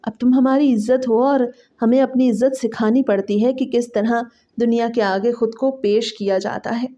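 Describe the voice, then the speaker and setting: A woman's voice: on the high side, fairly even intonation, warm tone, dull audio, lightly acted. A woman voicing a cold, indifferent husband who locks up his wife. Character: cold, controlling young husband.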